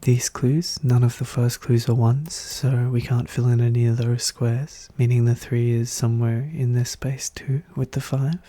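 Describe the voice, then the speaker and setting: Soft-spoken ASMR puzzle narrator: hushed, breathy half-whisper, flat unhurried delivery, calm and methodical, close dry sound. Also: medium pitch, no echo. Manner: calm, methodical, thinking aloud. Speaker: puzzle solver narrating own play.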